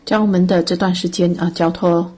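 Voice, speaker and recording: A woman in her twenties preaching a sermon and reading scripture aloud, pausing often with filler sounds. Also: lowish voice, little pitch movement, dark tone, slightly rough. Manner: hesitant, frequent filler sounds.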